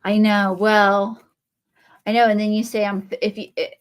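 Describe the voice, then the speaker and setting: A woman with a Texan accent and a clear, resonant, mid-range voice speaks in a level tone, unhurried. During her live crafting stream she rambles amiably as she works, chatting with viewers and answering their comments.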